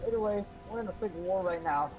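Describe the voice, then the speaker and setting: A man's voice: high voice, fast talker. A young man joining a gaming video as a friend, bantering and teasing in a hurry. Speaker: co-host friend. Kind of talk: casual banter. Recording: game music loud behind voice.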